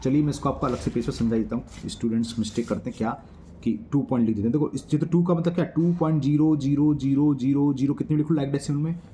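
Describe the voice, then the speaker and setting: A man's voice: medium pitch, quick pace, dark tone, a little hiss or hum. A man teaching a maths exercise to children, patiently counting digits aloud and checking that they follow.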